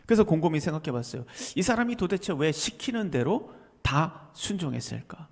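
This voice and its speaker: A male pastor delivers a sermon in a high, strongly animated voice that swings widely in pitch. He presses his points with rhetorical questions and sometimes falls to a near whisper. The sound carries a long church-hall reverb. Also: a little fast, gravelly. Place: church sanctuary.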